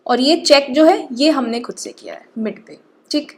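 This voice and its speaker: A woman teaching programming, talking through code step by step and often pausing to check in with her students. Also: high-pitched, animated, darkish tone. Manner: explains patiently, often checks in with "ठीक है".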